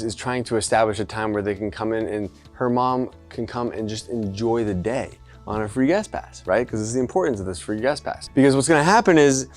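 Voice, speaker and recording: A man's voice: medium pitch, a little mellow. Chatty, emphatic man coaching business owners. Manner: conversational and emphatic, jokey asides. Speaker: adult day care business coach. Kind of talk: casual advice talk to camera.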